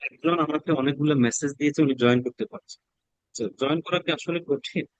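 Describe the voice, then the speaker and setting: Bangladeshi man teaching English, higher voice. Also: fast talker, no echo, lo-fi sound. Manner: explains patiently, repeats phrases, asks the class questions. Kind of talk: online class lecture.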